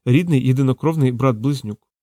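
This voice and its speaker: A man narrating an audiobook in an even, measured reading. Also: medium pitch, no room sound, studio quality.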